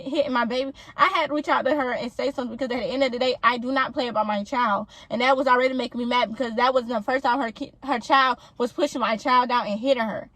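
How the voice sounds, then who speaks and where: A young woman vlogger telling a storytime straight to her viewers, animated and indignant, with many "like" fillers. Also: high-pitched, no room sound. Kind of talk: casual storytime addressed to viewers.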